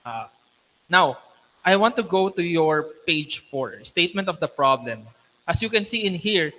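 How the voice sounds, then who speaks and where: A man on a thesis panel, questioning critically in a deliberate, instructive academic manner. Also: on the high side, sharp tone. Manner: deliberate, instructive, frequently checking with "okay". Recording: echoey hall with long reverb.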